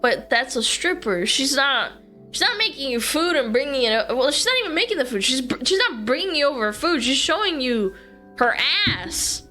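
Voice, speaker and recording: A woman giving casual, blunt opinions in a played-back video clip. Her voice sits a little high and sounds bright and forward. Faint music plays under her talk. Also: very animated, normal speed. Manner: blunt and offhand. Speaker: commentator in a reacted clip.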